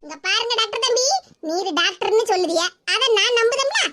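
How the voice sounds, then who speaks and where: A woman's voice: extremely high pitch, animated, brisk, pushed and bright, heavily acted. A woman voicing a scheming old grandmother who fakes chest pain, speaking with a Tirunelveli Tamil accent in a sly, theatrical, bossy way.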